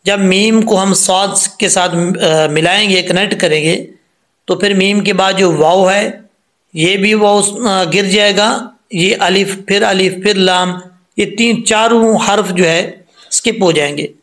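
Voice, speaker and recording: A man with a fairly high voice teaches correct recitation at an unhurried pace. He explains each point patiently and reads the verses slowly, close to the mic. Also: fairly even intonation, a bit bright. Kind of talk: tajweed lesson with slow chanted recitation.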